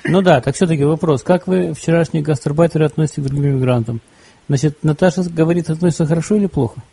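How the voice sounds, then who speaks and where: A man's voice: fairly high pitch, quick pace, creaky, dark tone, slightly rough. A man moderating a casual chat, asking questions and teasing the others. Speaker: discussion moderator.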